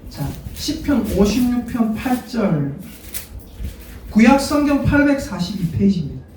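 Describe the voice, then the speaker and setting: A pastor preaches a sermon, his voice rising and falling with lively energy as he prompts the congregation to answer. The sound rings through a large, echoing church, picked up by a distant mic with faint noise. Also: medium pitch, measured pace. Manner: lively, calls for congregation responses. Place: church sanctuary. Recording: echoey church hall, mic far off.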